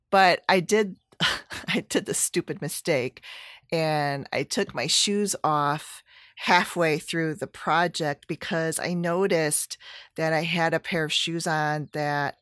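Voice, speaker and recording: A woman's voice: deep voice, fairly bright tone, no echo, studio quality. A woman chatting casually about a home project, rambling with fillers and self-corrections. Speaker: DIY vlogger. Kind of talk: casual chat.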